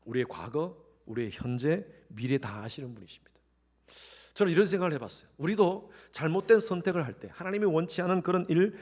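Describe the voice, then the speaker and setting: A middle-aged male pastor preaching a sermon, swinging between quiet, intimate lines and sudden loud rises, and acting out the voices he quotes. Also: fairly high pitch. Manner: acts out quoted voices with animated shifts.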